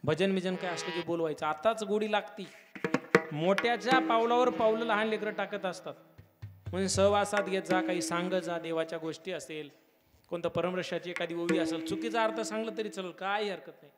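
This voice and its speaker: A man preaching a devotional kirtan sermon at a village gathering, fervent, swelling to loud exclamations. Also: sits high, fairly even intonation, a little fast, music in the background. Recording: long hall reverb with harmonium and tabla.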